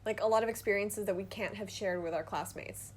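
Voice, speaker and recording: A woman's voice: medium pitch, steady tone, a little fast, breathy edge. Chatty teen woman, filler-heavy. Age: late teens. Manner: rambling, filler-heavy, with frequent "like". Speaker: podcast co-host. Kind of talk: casual chat.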